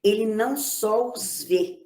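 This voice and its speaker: A woman with a Brazilian Portuguese accent giving an academic lecture as a lecturer, speaking in a measured, explanatory way and often adding short tag questions. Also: medium pitch, warm tone. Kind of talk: academic lecture reading from notes. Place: online meeting recording.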